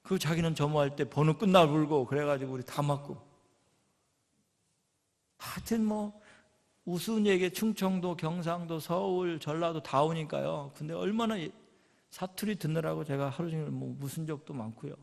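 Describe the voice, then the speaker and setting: A man's voice: fairly high pitch, moderate pace, creaky, darkish tone. A male pastor with a Chungcheong Korean accent preaching a sermon, telling stories with animation and acting out quoted voices. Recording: long church reverb.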